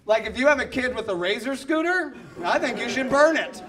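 A man in his thirties doing a stand-up comedy set in a club, ranting and breaking into yelled outbursts. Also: very high voice, animated, brisk, noisy background. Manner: ranting, yells in acted outbursts. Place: comedy club stage with live audience. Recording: live club recording, audience laughter.

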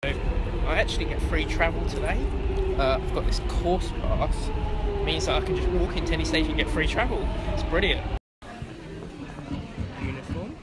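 A man's voice: fairly high pitch, moderate pace, pauses often. A young man chatting casually to his phone as a vlogger, held at arm's length. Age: young adult. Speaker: vlogger, volunteer marathon marshal. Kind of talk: casual vlog chat. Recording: handheld phone, noisy street and traffic.

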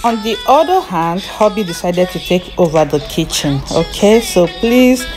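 A woman's voice: lowish voice, lively intonation, normal speed, music in the background, rough recording. A young Nigerian woman with a Nigerian accent, chatting to camera in her living room, repeating herself for emphasis and dropping in Pidgin phrases. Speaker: vlogger. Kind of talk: casual chat to camera. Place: living room at home, indoors.

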